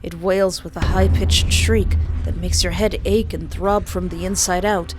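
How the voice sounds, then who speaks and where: Woman, horror story narrator, scripted second-person delivery, slightly low voice, some background noise. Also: steady tone, unhurried.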